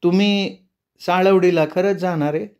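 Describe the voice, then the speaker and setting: A man's voice: high voice, fairly even intonation, moderate pace, a little mellow, clean tone, voice pushed up. A man voicing an eerie young village mother. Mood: insistent. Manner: rustic village speech, odd mad laughter.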